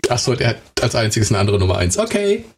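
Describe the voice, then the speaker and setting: A man's voice: mid-range voice, big pitch swings, fast talker. A man chatting casually and jokingly as a panellist on a sports show.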